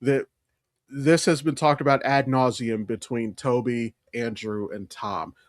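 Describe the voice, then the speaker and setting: Swearing freely and speaking with animated emphasis, a male podcast co-host gives his casual opinions on pop culture. He talks a little slowly in a mid-range voice, and the clean studio recording has no echo.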